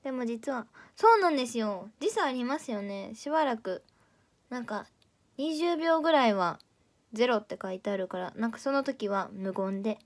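A teenage girl with a Kansai Japanese accent chats casually on a livestream, reading out viewer comments. She teases her viewers playfully in a voice pitched a little above average. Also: lively intonation, moderate pace. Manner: playful and teasing, chatty. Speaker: idol audition candidate streaming live.

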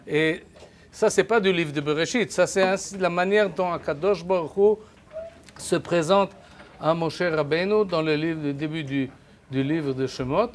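A distant camera, with no microphone, records an older man teaching a Bible class live in a lecture room with a projector screen. His French-native speech is halting and full of restarts and repeated words as he raises his voice to carry. His pitch is fairly high, and there's a little hiss or hum.

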